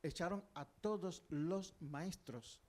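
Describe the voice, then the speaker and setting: An older man from Cuba, a historian, rises from the audience at a public panel and talks earnestly, stumbling through fillers and restarts. He speaks slowly, in a fairly high voice with a darkish tone.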